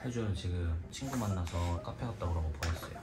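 A man's voice: deep voice, fairly quick. A young man vlogging at home as the father of a baby, talking playfully and teasing the child. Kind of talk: casual vlog narration. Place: home indoors. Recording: roomy, with loud music behind.

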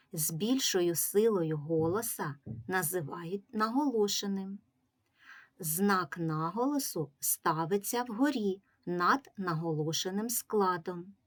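A woman teacher giving a reading lesson to young children, patiently sounding out words syllable by syllable. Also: on the low side. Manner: slow, patient, drawing out syllables. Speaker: primary school teacher.

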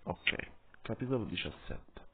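A man narrating an audiobook, telling the story in a lively way, with tinny, phone-like sound. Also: fairly low pitch, a little slow, creaky, a little hiss or hum. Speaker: audiobook reader.

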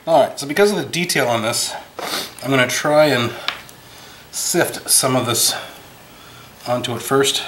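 At a workshop bench indoors, an American man with a mid-range voice and a sniffle casually talks through his work, thinking aloud with a self-deprecating streak. He's a YouTuber who scraps metal, and background noise is present.

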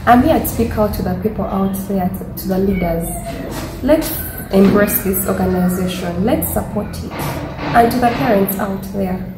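A woman's voice: mid-range voice, normal speed. A woman from northern Uganda in her thirties speaks earnestly to camera as a grateful parent. The room rings with echo, and music plays behind her. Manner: earnest, appealing. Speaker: parent giving a testimonial. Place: indoor room with a standing fan.

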